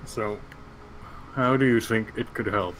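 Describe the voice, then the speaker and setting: A man co-hosting a game stream in casual chat, blunt and teasing with quick asides. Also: on the low side, fairly bright tone, a little hiss or hum, rough recording.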